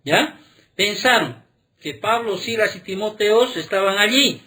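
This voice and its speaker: Emphatic bright-voiced male pastor. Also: high-pitched, animated. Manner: rhetorical questions, frequent "¿sí?" checks; emphatic, drawn-out key words. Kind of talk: sermon.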